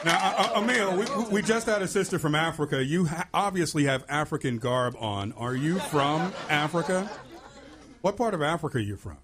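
A man's voice: on the high side, animated, brisk. A man hosting a casual church group interview, jovial and informal, often repeating himself. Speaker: discussion host in a church. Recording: noisy room with crowd sound.

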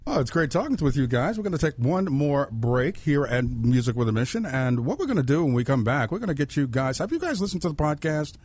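A man's voice: fairly high pitch, very animated, quick pace, few pauses, darkish tone, no room sound. A man hosting a church radio talk show, upbeat and chatty as he interviews guests. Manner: upbeat, chatty, laughs easily.

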